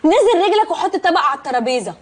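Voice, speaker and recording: A woman's voice: extremely high pitch, very animated, rapid-fire. An actress with an Egyptian accent playing a spoiled young daughter in a film comedy, who drops English words into her speech. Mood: snippy. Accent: Egyptian Arabic.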